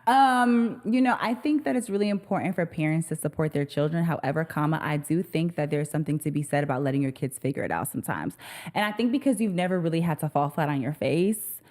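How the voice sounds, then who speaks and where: Low-voiced woman giving measured opinions. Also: animated, a little mellow. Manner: measured, reasoning aloud with hedged opinions. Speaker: podcast co-host. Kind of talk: casual chat.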